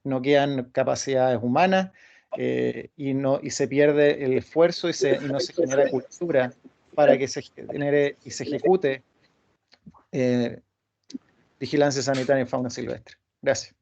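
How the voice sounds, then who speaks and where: Man, medium pitch, halting explanatory panel answer, repeated words, dull webinar sound. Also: steady tone, gravelly, darkish tone. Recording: dull lo-fi online audio.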